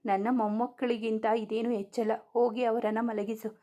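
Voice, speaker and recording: Brief: soothing grandmother, played by a woman reader, kind and advising, higher-pitched voice. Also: level tone, normal speed, mellow, lightly acted. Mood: gentle advising. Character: grandmother, gentle and reassuring mother-in-law.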